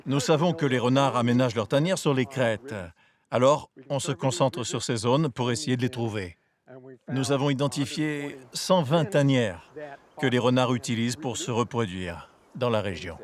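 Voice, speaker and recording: Guy researcher explaining stuff for a nature documentary, measured n articulate, mid pitched voice. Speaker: wildlife researcher.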